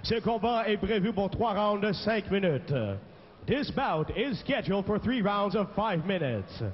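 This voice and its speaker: A high-voiced man works as an arena announcer, booming and theatrical. His formal introductions come over a PA and ring through a big, long-echoing hall. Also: unhurried, muffled recording. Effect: arena public-address system. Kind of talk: bilingual arena announcer introductions, drawn-out names. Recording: echoing arena PA, band-limited, noisy.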